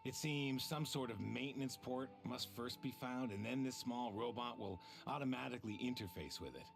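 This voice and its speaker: Man playing a practical captain type; gravelly, plain and steady. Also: medium pitch, normal speed, lightly acted. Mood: earnest. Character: earnest male guard captain, practical and plain-spoken. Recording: game audio with music behind.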